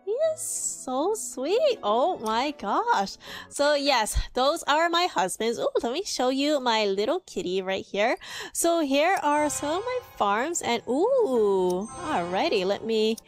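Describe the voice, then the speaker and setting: A young woman commentating on a game as a gushing, cutesy, excited anime fan. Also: high-pitched, unhurried, faint music behind. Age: young adult. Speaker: gaming streamer. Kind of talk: gameplay commentary. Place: small indoor room with plush toys.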